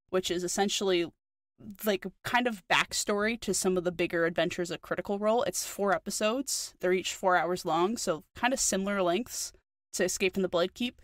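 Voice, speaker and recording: A woman's voice: lowish voice, dry recording, studio quality. A woman with a New Zealand accent co-hosting a podcast, chatting eagerly with lots of fillers. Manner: chatty, enthusiastic, many fillers. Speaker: podcast co-host. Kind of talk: casual chat.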